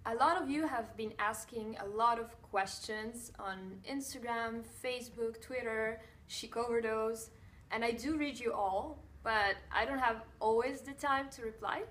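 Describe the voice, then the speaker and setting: Her voice is on the high side and a bit bright: a twenties-aged blogger and TV presenter from Italian-speaking Switzerland, raised with Italian and Russian. She sits in a chair in a bright, wooden-floored room, a camera a few feet off, and takes fan questions calmly and deliberately, pausing with fillers and phrasing things slightly like a non-native speaker.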